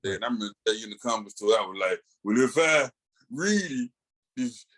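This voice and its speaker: An American man co-hosts a comics podcast, his medium-pitched voice animated, brisk and a bit bright. In casual fan chat, he tells stories enthusiastically and tosses in slangy asides.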